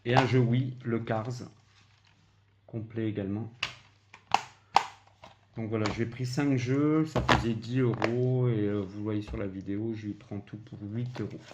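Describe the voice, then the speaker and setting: A man's voice: fairly low pitch, fairly even intonation, unhurried, long pauses. A man with a Belgian French accent casually showing his flea market video game finds, hesitant with many filler sounds. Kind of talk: casual vlog commentary. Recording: dull lo-fi home recording with noise.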